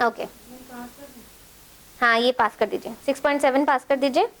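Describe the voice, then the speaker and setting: A woman's voice: sits high, moderate pace, fairly bright tone. A woman with an Indian accent, teaching a child development assessment, switching between English and Hindi as she explains step by step. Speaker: trainer.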